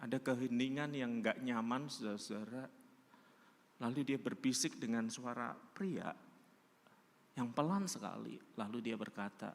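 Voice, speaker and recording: A man's voice: medium pitch, normal speed, creaky. A male pastor telling a story in a sermon with humor, acting out the people in it. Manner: humorous, acts out the dialogue in his story. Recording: reverberant hall.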